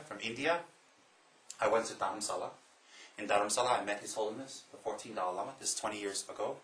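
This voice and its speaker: Bright-voiced man giving a Dharma talk. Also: lowish voice, echoey room, low-quality recording. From Taiwan. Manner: slow, emphatic, repeats phrases, joking asides. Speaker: Buddhist monk teacher.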